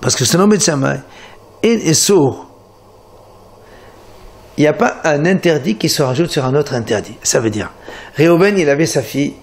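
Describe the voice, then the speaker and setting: Animated man teaching Talmud. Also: on the high side, moderate pace, long pauses. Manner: animated explanation, many restarts, Hebrew terms. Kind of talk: Talmud lesson explaining a page. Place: Marseille study center.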